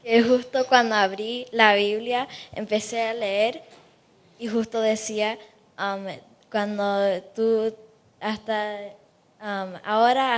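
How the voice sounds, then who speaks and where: A woman, the pastor's daughter, speaking hesitantly with fillers, heard from a distance. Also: medium pitch.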